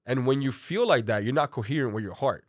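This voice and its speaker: A man's voice: medium pitch, animated, quick pace, dry recording, clean studio sound. A man in his thirties, born in Cuba with Spanish as his first language, talking casually as a podcast guest and rambling with many fillers. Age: 30s. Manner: rambling, lots of "you know" and "like". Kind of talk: casual interview talk.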